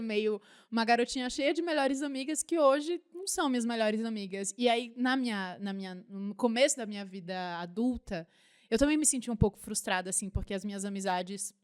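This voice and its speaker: Brief: young woman from Northeast Brazil, thoughtful podcast talk, higher pitch. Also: clean tone. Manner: reflective, hesitant, with many restarts. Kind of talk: casual podcast chat.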